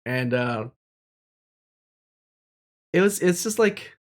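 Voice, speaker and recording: A young man tells personal stories candidly and reflectively, speaking informally with some mild swearing. His voice is a little high and expressive, and he talks very slowly.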